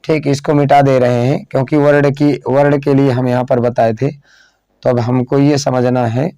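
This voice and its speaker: A man teaching a lesson, slowly repeating phrases and asking questions that he then answers himself, sometimes drawing words out as he writes on a board. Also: mid-range voice, level tone, mellow, no echo. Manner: drawn-out dictation while writing on a board. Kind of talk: classroom lesson.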